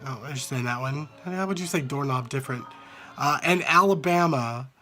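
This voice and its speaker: A man from the American South with a Southern accent, chatting casually and unscripted into a handheld phone, rambling a little and sounding out words deliberately. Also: medium pitch, sharp tone, soft background music. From Southern United States. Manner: repeats single words slowly to demonstrate pronunciation, rambling. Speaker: vlogger answering an accent challenge. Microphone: handheld phone at arm's length.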